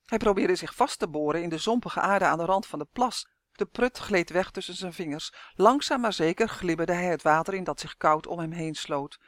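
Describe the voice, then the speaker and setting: A narrator reading a children's novel aloud as an audiobook, telling it in a steady, expressive way. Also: mid-range voice, normal speed, few pauses, dry recording, studio quality.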